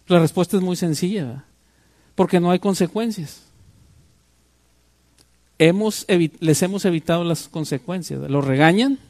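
An older man delivers a sermon, often turning to the congregation with rhetorical questions. His voice sits high for a man. The sound is dry and close, with no room echo. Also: darkish tone. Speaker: pastor.

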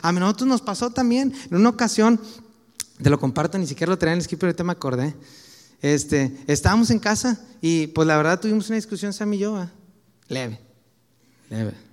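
Mexican male preacher, high register, relaxed anecdotal sermon delivery with slang; long hall reverb. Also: quick pace. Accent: Mexican Spanish.

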